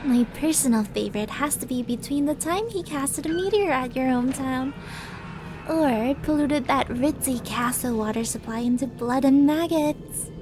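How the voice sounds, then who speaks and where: With music beneath her and a noisy background, a woman uses a high voice at a moderate pace, only lightly acting the part. She portrays a flirtatious, sadistic demon princess in an ASMR roleplay drama, theatrically teasing and mock-sweet, sounding scheming and sardonic.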